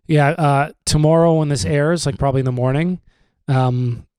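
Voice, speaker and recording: A man's voice: fairly high pitch, steady tone, moderate pace, mellow, smooth, dry recording. Rambling young man, dry close sound. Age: 20s. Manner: rambling and joking, full of fillers. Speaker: podcast host. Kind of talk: casual chat. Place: room at home.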